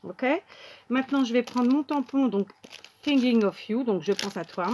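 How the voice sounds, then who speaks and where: A woman's voice: on the high side, moderate pace, warm tone, slight background noise. A woman hosting a casual card-making tutorial at her craft table, talking to viewers as she works and thinking aloud with plenty of fillers.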